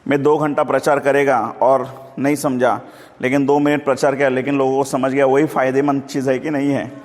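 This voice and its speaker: A man's voice: medium pitch, flat delivery, fairly quick. A man with a Mumbai Hindi accent teaching a sermon in a chatty, joking way, calling on the congregation to answer back. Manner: chatty, jokey, calls for congregation responses. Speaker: Bible teacher. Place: church hall with congregation. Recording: reverberant hall.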